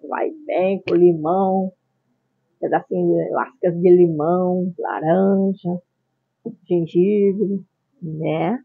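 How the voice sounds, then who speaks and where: A middle-aged woman with a Brazilian accent hosting a casual product review vlog, announcing her phrases deliberately, on a phone-like recording. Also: lowish voice, steady tone, creaky, husky. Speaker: YouTube channel host. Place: small tiled room at home, indoors. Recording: phone-like, band-limited sound.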